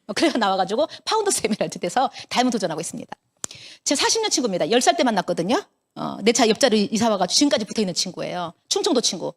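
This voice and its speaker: A woman's voice: medium pitch, rapid-fire. A woman in her fifties giving a motivational talk as a business leader, telling stories and acting out the dialogue, with a Busan-area accent. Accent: Korean, Busan area. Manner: animated storyteller acting out dialogue. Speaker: network marketing business leader.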